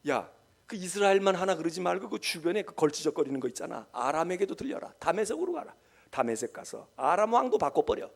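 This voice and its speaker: A man preaching a sermon, voicing God as a blunt, forceful commander who orders a weary prophet back to his task. He speaks the role in plain, colloquial commands. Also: sits high, very animated, fast, creaky, heavily acted. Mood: commanding.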